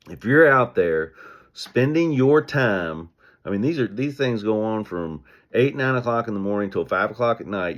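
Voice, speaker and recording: A man speaking as a business owner, telling stories and giving advice in an energetic, conversational way. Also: fairly low pitch, highs cut off. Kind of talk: casual motivational talk.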